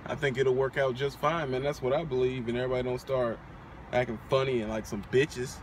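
A man's voice: mid-range voice, flat delivery, fairly quick. A young man chatting casually in a parked car, laid-back and boastful, with plenty of slang and swearing. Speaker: vlogger, aspiring trucker. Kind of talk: casual chat. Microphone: phone camera on the dashboard. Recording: outdoor traffic noise in a car.

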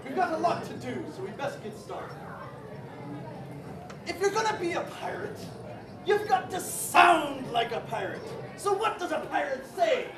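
Woman playing a booming pirate captain. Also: very animated, a little slow, a crowd in the background. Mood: drilling recruits. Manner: booming, theatrical, teasing the audience. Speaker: stage actor. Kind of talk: live interactive theatre. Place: indoor theatre, live audience. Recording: echoey hall from far off with audience.

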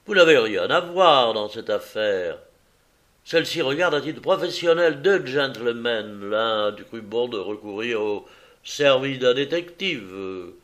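A man doing a loud, brusque foreign visitor. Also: mid-range voice, measured pace, close to an everyday voice. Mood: insistent. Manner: loud, insistent, slightly suspicious. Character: brusque, touchy foreign male visitor, middle-aged.

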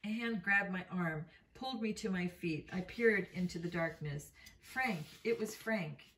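Reading from a novel, this woman stumbles now and then and fixes her own mistakes. She speaks a little slowly in a lowish, slightly bright voice, and the mic sits far off in a roomy space.

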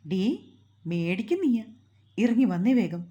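A woman's voice: on the low side, expressive, slow pace, dark tone, muffled recording. A woman voicing a stern, short-tempered young husband. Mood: gruff. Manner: gruff, scolding, commanding.

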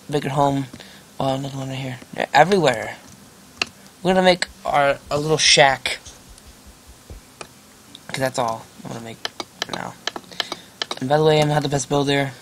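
Young guy doing game commentary, rambly and self-deprecating, lots of ums, noisy mic with typing in the background. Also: medium pitch. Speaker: gaming channel host. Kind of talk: casual gameplay commentary. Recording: noisy home recording with keyboard clicks. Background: keyboard clicks and typing.

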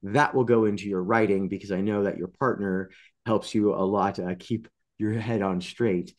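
A man in his thirties hosting a writer interview on a video call, talking in an animated, expressive way. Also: fairly low pitch, moderate pace. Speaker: interview host. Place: home studio with colored light strips.

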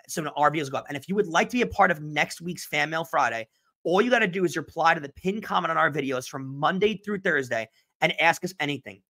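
A young man hosting a solo sports podcast, answering listener questions in an animated, emphatic way and repeating his points. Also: on the high side. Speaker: podcast host.

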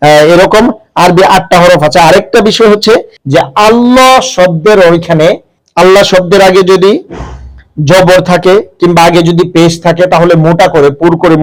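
High-voiced man teaching pronunciation slowly. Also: low-quality recording. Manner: slow, drawn-out demonstration of pronunciations with frequent "ah" fillers. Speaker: Quran reading teacher. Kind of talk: explanatory recitation lesson.

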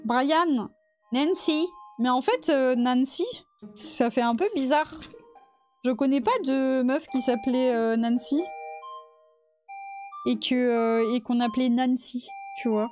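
A woman's voice: sits high, slow, pauses often, a little mellow, faint music behind. A woman live streamer chatting casually with her chat while she models in 3D, laughing often.

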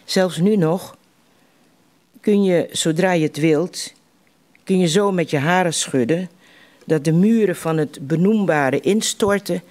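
A man reciting poems in a slow, measured way, with deliberate pauses between lines. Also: on the high side, a little mellow. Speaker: poetry reciter at a literary evening.

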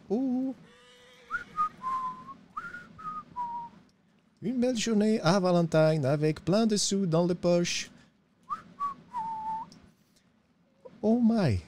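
A man's voice: warm tone, a little hiss or hum. A man playing a broke, bumbling cowboy with a put-on accent in a western roleplay, talking theatrically and tacking 'hein' onto his lines. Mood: chatty. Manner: theatrical, sliding pitch, tacks 'hein' on lines. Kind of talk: in-character roleplay.

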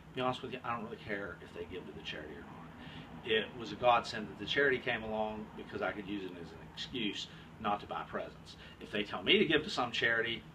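A man's voice: lowish voice, distant mic, background noise. A man ranting bluntly in a casual vlog, grumbling and swearing freely as he complains. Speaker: vlogger.

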